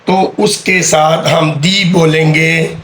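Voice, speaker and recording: A man teaching an English grammar lesson, explaining slowly and patiently and repeating key words. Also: on the high side, fairly even intonation, fairly bright tone. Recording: echoey room with faint background hum.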